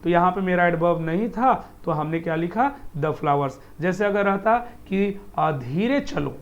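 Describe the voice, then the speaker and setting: A man's voice: sits high, animated, a little slow. A male teacher, patiently explaining translation and quizzing the viewer as he goes. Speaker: English teacher. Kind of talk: explaining Hindi-to-English translation. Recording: dull lo-fi recording.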